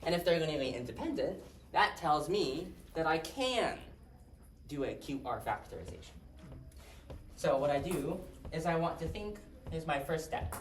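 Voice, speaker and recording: In a lecture hall, a man with a somewhat high, sing-song voice gives a math lecture at normal speed, chatting casually and putting questions to his class. A distant room mic picks him up, so the sound is roomy and far off with faint hiss.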